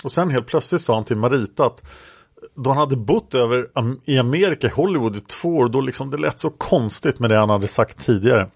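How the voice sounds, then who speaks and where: A man's voice: medium pitch, vocal fry, breathy edge, dry recording, studio quality. A man reading as a young woman witness. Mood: recounting. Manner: flat reading of transcript lines, speaker labels read aloud. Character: young woman witness recounting a café encounter.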